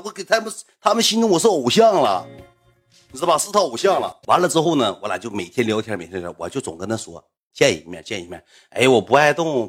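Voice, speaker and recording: A young man with a Northeastern Chinese accent telling a rambling, slangy story to his stream audience from home. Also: mid-range voice. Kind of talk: casual storytelling livestream.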